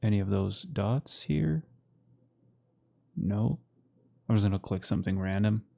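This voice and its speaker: A man co-hosting a casual chat, relaxed and laughing often, saying bro and dude. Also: fairly low pitch, unhurried, creaky. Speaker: podcast co-host. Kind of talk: casual chat while browsing a map.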